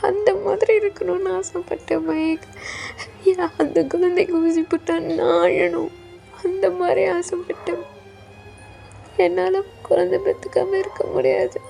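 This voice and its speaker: A woman's voice: very high voice, level tone, unhurried, gravelly, dark tone, soft background music, full character voice. A woman voicing a young man who pleads tearfully and insistently with his lover for a child, in a fan audio drama. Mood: tearful pleading.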